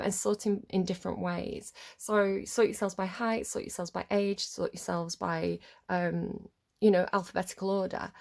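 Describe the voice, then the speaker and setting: Woman, stuffy-nosed with a cold, medium pitch, chatty tarot reading, informal, rambling. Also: a little mellow. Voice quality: slightly muffled, congested nose. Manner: rambling, informal, often checks with "right?". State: has a head cold. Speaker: tarot card reader.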